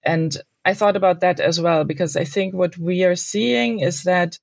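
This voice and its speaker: A woman panelist talks in a gravelly, hesitant way, pausing often and filling gaps with ums. The sound is dry and close, but dull and lo-fi. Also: on the low side, a little mellow, no room sound. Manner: hesitant, many pauses and ums. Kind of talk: panel discussion.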